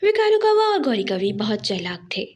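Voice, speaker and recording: A woman narrating a children's cartoon moral story in an expressive, sing-song manner. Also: a little high, normal speed, husky.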